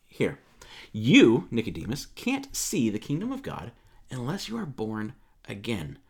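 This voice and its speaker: A man's voice: mid-range voice, wildly swooping pitch, unhurried, gravelly, slightly rough, exaggerated voice. A pastor voicing a male teacher who speaks in a direct, conversational way, close to his own voice. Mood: earnest.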